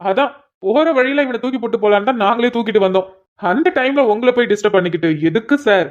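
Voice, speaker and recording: A woman's voice: fairly high pitch, fast talker, natural voice. A woman voicing a self-assured male police officer who teases and mocks. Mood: commanding. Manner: teasing, mocking banter. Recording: dull lo-fi audio.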